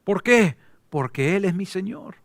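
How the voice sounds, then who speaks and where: A man with an Argentine accent preaching a sermon as pastor, emphatic and quick to throw rhetorical questions at the congregation. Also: high voice, lively intonation, creaky, no echo. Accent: Argentine Spanish.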